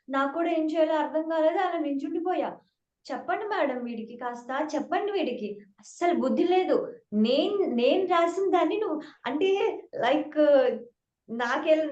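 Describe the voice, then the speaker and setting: A woman casually telling a personal anecdote in an animated way, slipping English words into her speech. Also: sits high. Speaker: guest sharing personal memories. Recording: roomy, dull lo-fi recording.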